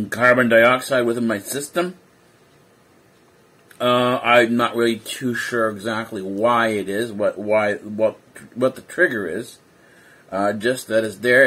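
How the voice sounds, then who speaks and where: A man's voice: lowish voice, fairly bright tone, slightly rough. A man talking casually in a vlog while sitting indoors, rambling and hesitant with many fillers and restarts, a little sleepy. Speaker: vlogger. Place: indoors, seated.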